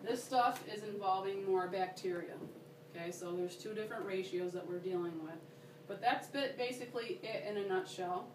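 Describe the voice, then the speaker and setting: A woman's voice: mid-range voice, moderate pace. Chatty woman demonstrating in an echoey room. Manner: chatty, enthusiastic, checks in with listeners. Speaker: workshop presenter. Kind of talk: casual demonstration talk. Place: workshop room. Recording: roomy, distant, noisy room recording.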